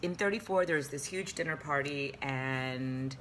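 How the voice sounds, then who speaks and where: A woman's voice: very deep voice, measured pace, fairly bright tone, slight background noise. A young woman teacher reading a novel aloud and chatting about it in a playful, easily distracted way, recorded at home on a webcam.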